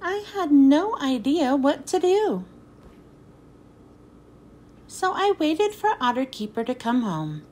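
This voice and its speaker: With a voice that sits high, a woman slowly reads a children's picture book aloud, leaving long pauses as she tells the story expressively. Afterward she thanks her listeners.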